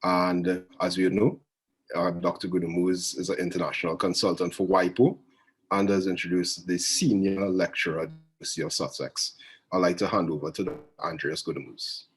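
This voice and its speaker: Male event host, low-pitched and rough-edged, formal, with halting, measured phrasing. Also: steady tone. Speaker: host introducing a speaker.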